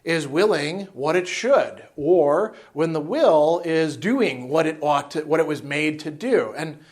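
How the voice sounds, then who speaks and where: Animated man in his fifties lecturing. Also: a little high, measured pace. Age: 50s. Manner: animated, gesturing, with asides and restarts. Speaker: philosophy lecturer. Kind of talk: unscripted lecture to camera. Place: indoor room in front of a chalkboard. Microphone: lapel mic.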